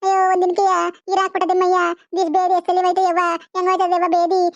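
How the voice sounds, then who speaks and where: A woman's voice: extremely high pitch, monotone, very fast, no room sound, dull audio. A woman voicing a grown village daughter who wails in a sing-song lament in a cartoon. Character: wailing grown daughter at hospital bed. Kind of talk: cartoon voice acting.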